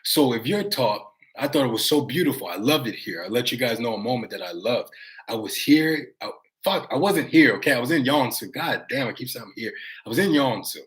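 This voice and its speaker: A man's voice: medium pitch, animated, fairly quick, a bit bright, low-quality recording. A young American man chatting casually to his viewers on a livestream, rambling between chat replies and longer thoughts. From United States. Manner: rambling, talks straight to viewers, many fillers. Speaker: vlogger reading live chat.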